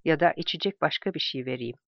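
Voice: quick pace, no room sound, highs cut off, natural voice. A reader voicing a hesitant self-doubting writer. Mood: subdued, uncertain. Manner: hesitant, low-voiced.

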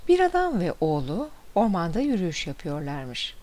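A woman reading short fables and wise sayings aloud in a steady, expressive manner. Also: fairly low pitch, moderate pace. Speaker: storyteller.

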